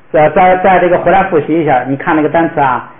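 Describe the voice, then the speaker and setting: A man teaching a classroom pronunciation lesson, patiently modeling words slowly for the class to repeat. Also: on the high side. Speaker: language teacher. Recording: echoey room, tinny phone-like sound.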